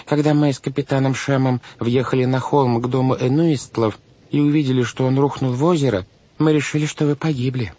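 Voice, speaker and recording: A man's voice: medium pitch, fairly even intonation, fairly quick, mellow, voice pushed up, close to an everyday voice. A man reading an audiobook, voicing a fussy, well-meaning guardian who frets over the children. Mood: fretful. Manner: fussy, fretful, raised voice. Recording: dull lo-fi audiobook recording.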